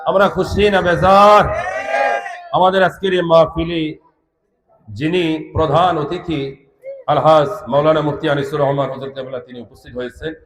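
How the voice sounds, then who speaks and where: A man's voice: on the high side, fairly even intonation, normal speed, long pauses, a bit bright. A man preaching a fervent sermon, rousing the crowd to call back and breaking into chanted song. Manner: rousing, calls for responses from the crowd. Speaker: Islamic preacher. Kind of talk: fervent Bengali waz sermon.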